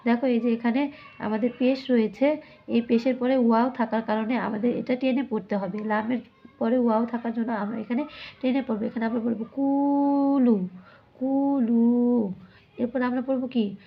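A woman's voice: on the high side, fairly even intonation, brisk, creaky. Woman teacher, muffled lo-fi recording. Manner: asks questions and answers them herself, drawing out sounds. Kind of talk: classroom lesson explaining a textbook.

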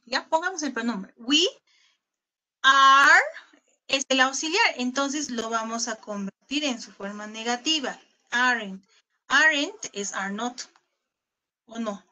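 A woman's voice: sits high, bright, forceful tone. A woman English teacher giving a recorded online class in Spanish, patient, often asking her pupils questions. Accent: Peruvian Spanish.

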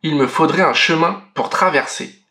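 A man's voice: a little high, moderate pace, sharp tone. A man voicing a small, worried male dog in a children's storybook reading, pleading plainly and earnestly. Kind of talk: storybook read-aloud.

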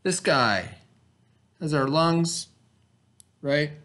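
Speaking from a classroom, this middle-aged male teacher leads children through a remote read-aloud vocabulary lesson. His fairly high, animated voice has a fairly bright tone and stretches out words as he keeps explanations simple, repeats key terms, and checks in with short tags.

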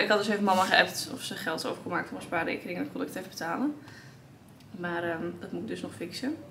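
A young woman with a Dutch accent, chatting casually to a handheld camera at arm's length in her apartment, thinking aloud in a relaxed way. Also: medium pitch, background noise. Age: young adult. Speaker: vlogger. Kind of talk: casual vlog chat. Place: apartment living room, indoors.

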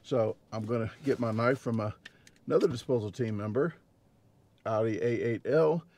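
Midwest guy, 40s, gravelly voice, vlogging from his parked car, lots of ums and restarts. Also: mid-range voice, moderate pace, a little mellow, slight background noise. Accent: Midwestern American. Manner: chatty, rambling, lots of fillers and restarts. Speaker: vlogger and competitive eater. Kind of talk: casual vlog talk to camera. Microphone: camera mounted on dashboard.

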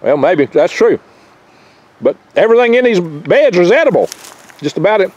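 The recording is muffled, capturing a high-pitched, darkish male voice that is very animated at a moderate pace. It's an older man running a foraging vlog outside in his pine-tree garden, rambling folksily and chattily with small jokes and stumbles, his handheld camera mic held near.

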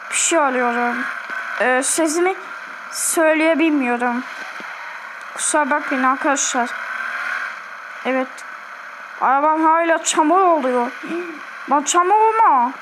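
A woman's voice: sits high, steady tone, measured pace, pauses often, noisy background. A woman with an Azerbaijani accent giving chatty, repetitive gameplay commentary and keeping up a running talk with her viewers. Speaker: gaming video host.

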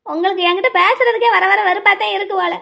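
Village wife in a cartoon, very high voice, shrill, pleading, upset. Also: female voice, steady tone, fast talker, vocal fry, bright, forceful tone, heavily acted. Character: tearful pleading middle-aged village wife. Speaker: cartoon character. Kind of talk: cartoon voice acting.

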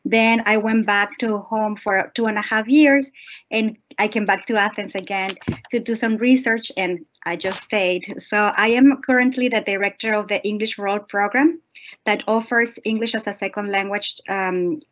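A woman introduces herself on a panel by webcam. She speaks carefully and repeats a word now and then. Her voice sits mid-pitch, and the call audio is slightly dull. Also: fairly even intonation, normal speed, a little hiss or hum. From Mexico. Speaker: panelist, linguistics instructor. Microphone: video call webcam. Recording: muffled video-call audio.

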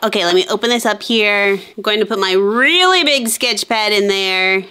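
A woman narrating and playing out a toy story in a lively, upbeat way. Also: mid-range voice, moderate pace, clean tone. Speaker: toy video creator.

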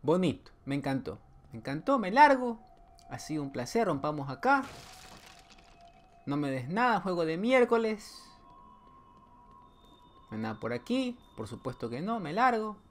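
A man's voice: a little high, sing-song, normal speed, long pauses. Joking man narrating his horror gameplay. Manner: joking, talks to the game, sudden yelps. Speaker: gameplay streamer. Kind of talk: playthrough commentary.

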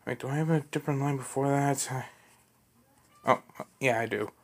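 A man's voice: medium pitch, moderate pace. Young man muttering between takes. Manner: muttering, self-critical asides. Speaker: amateur voice actor. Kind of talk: casual self-talk between recorded takes. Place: home room.

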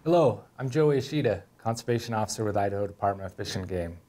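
An American man in his thirties, working as a conservation officer, gives a scripted instructional presentation in an indoor room beside a whiteboard while music plays in the background. His lowish, mellow voice moves fast with lively intonation.

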